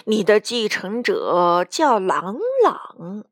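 Woman voicing a booming old ghost storyteller. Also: lively intonation, no echo, studio quality. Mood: solemn. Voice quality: deep. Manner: slow, commanding, booming. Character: old ghost uncle, grand legendary storyteller.

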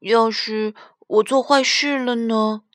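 A woman's voice: fairly high pitch, steady tone, slow pace, dry recording, studio quality, voice pushed up. A woman voicing a curious little girl bear cub in a storybook, asking question after question in a pleading way.

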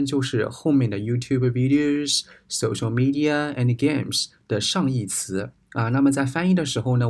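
A Chinese man, a native Chinese speaker with a mid-range, slightly mellow voice, explains an English news text in Mandarin. He teaches English words and spells them out letter by letter.

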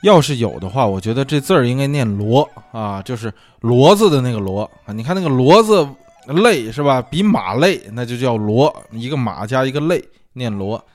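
A man's voice: medium pitch, animated, moderate pace, dry recording, soft background music. A man hosting a casual solo talk show, musing aloud in a chatty way with many fillers. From China. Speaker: podcast host. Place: lives abroad.

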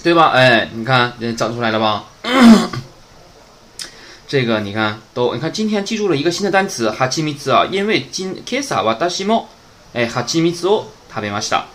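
A man's voice: mid-range voice, animated, a little fast, a bit bright, a little hiss or hum. A man teaching beginner Japanese in a casual, chatty online lesson, often asking "right?".

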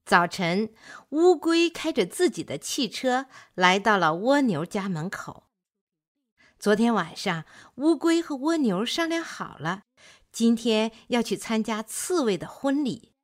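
Slow, lively woman telling a kids' story. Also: a little high. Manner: gentle, expressive storytelling. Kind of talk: children's story narration.

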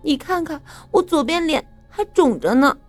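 A woman voicing a frightened, tearful young woman in a spoken story, with a pleading, hushed manner. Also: fairly low pitch, unhurried, soft background music, lightly acted. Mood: tearful complaint.

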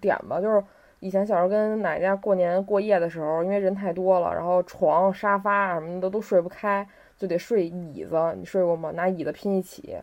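A woman's voice: on the low side, fairly even intonation, brisk, muffled recording. A woman co-hosting a casual chat who talks bluntly and swears casually. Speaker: podcast co-host.

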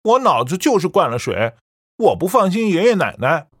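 A woman's voice: lowish voice, big pitch swings, normal speed, breathy edge, dry recording, clean studio sound. A woman voicing a stubborn young man who talks back bluntly and coldly to his mother. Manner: blunt and cold.

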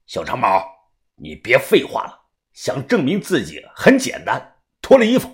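A man doing a cold, low-voiced bruiser. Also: sing-song, normal speed, vocal fry. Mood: menacing. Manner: cold, clipped, threatening. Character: cold, tough bald fighter, menacing.

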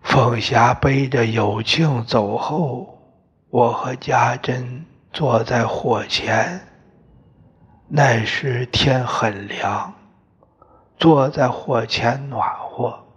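An audiobook reader, a man with a medium-pitched, slightly rough voice, narrates a novel slowly and deliberately, sometimes sinking into a whisper. The recording has a lo-fi quality.

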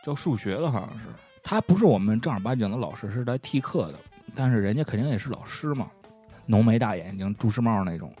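A man, co-hosting a podcast and telling an anecdote in a chatty, animated way, often asking "you know?". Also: lowish voice, fast talker, soft background music. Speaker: podcast co-host. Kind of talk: casual storytelling chat.

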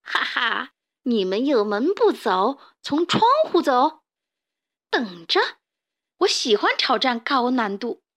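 A woman's voice: fairly high pitch, sing-song, slow, fairly bright tone, full character voice. A woman voicing a cheeky, playful male bird who teases in a children's storybook.

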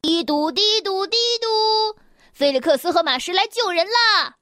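A woman voicing two boisterous young twin boys, eager and excited in a storybook reading. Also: high-pitched, normal speed, dry recording, studio quality. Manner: eager, excited, talking over each other.

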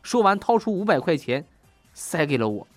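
A man's voice: fairly high pitch, big pitch swings, normal speed, dry recording, faint music behind. A man hosts a comic radio show, reading jokes and laughing at his own punchlines. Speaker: radio host.

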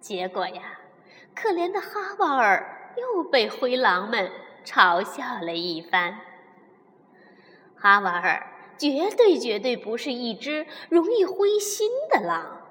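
A woman hosting a bedtime story show and reading a children's story aloud, warm and expressive. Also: fairly high pitch, unhurried. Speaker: storyteller host. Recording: long reverb.

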